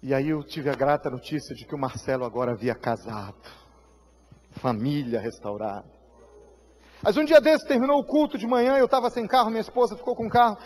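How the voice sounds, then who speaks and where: A man with a Brazilian Portuguese accent preaching a sermon, telling a story with feeling, acting out voices and shouting at the peaks. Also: a little high, animated, a little fast. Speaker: pastor. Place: church hall. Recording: live church hall reverb.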